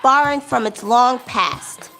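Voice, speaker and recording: A woman narrating a documentary with a measured, rhythmic delivery. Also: fairly high pitch, sharp tone, faint music behind.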